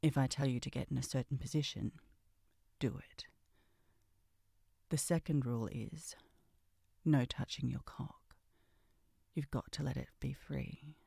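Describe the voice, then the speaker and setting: A woman performs an ASMR role-play as a sultry, commanding narrator. Her voice is breathy and heavily creaky, with a dark, mellow tone. She speaks slowly and seductively, often slipping into a soft voice. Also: extremely low pitch, fairly even intonation, no room sound, clean studio sound. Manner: commanding, teasing.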